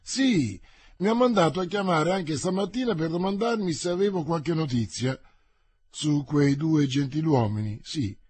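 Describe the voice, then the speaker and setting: A bold young musketeer, as a male narrator reads him in an audiobook, his lines brisk and emphatic. The voice sits a little high with a husky edge. It is recorded dry and close. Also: lively intonation, darkish tone, no room sound. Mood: eager. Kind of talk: audiobook reading.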